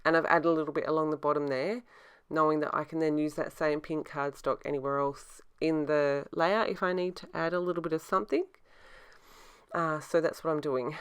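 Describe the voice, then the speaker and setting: Low-voiced woman with a slight lisp from braces. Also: fairly bright tone, clear, resonant tone. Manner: talks with a sore mouth from newly adjusted braces. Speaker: scrapbooker narrating her process. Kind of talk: casual craft tutorial voice-over.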